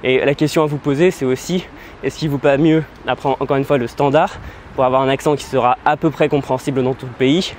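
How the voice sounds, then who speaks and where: A man's voice: medium pitch, fairly even intonation, a little fast, slight background noise. Chatty man explaining language tips. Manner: conversational, frequent fillers and restarts. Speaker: language-learning channel host. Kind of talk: casual explanatory video talk.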